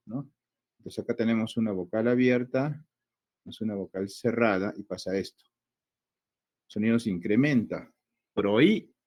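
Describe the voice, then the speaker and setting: A man with a Peruvian Spanish accent and a lowish, mellow voice teaches a grammar lesson. He explains step by step, checks in with frequent questions, and draws out words slowly to sound out their syllables.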